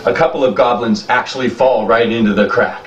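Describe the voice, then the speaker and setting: A man running a tabletop game as game master, narrating haltingly with many fillers. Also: medium pitch, muffled recording. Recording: echoey room, far from mic, faint music.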